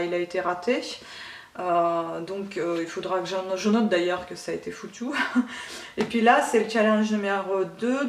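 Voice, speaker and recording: A woman talks through her reading in a chatty, rambling vlog style, often pausing to hesitate. Her voice sounds set back from the microphone, and an echoing room surrounds it. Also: medium pitch, a little mellow, distant mic, slight background noise. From Ukraine. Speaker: book vlogger. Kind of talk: casual book review vlog.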